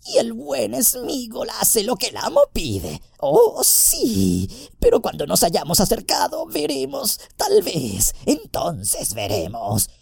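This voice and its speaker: A miserable, split-minded creature in a storybook reading, low and gravelly one moment and squeaking high the next. The voice is husky and wheedling, and it drags its words out slowly. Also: male voice, wildly swooping pitch, a little mellow, no echo, heavily acted. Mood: sly. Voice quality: creaky, raspy, wheedling. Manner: swings from a low mutter to shrill squeaks. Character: wretched hobbit-like creature torn between two selves. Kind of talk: audiobook character voice.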